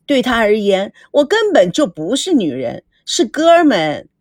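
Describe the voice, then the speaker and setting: A woman's voice: on the high side, wildly swooping pitch, unhurried, dry recording, pitched above the performer's own voice, exaggerated voice. A sly young woman who sounds aggrieved and wheedling, her voice rising and falling widely, as a woman storyteller puts her on. The voice is dry and close. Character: sly young woman, plays the wounded friend.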